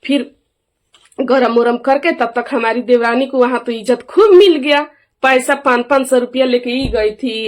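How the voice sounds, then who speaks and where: A middle-aged woman, speaking as an aggrieved mother in a casual vlog. She talks emphatically and keeps asking those around her to back her up. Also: sits high. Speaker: mother airing a family grievance.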